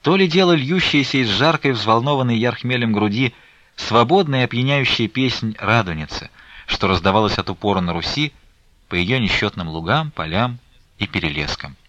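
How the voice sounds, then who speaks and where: A man narrating a classic literary audiobook in a measured storytelling manner. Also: medium pitch, expressive, a bit bright, dry recording. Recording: dull lo-fi dry recording.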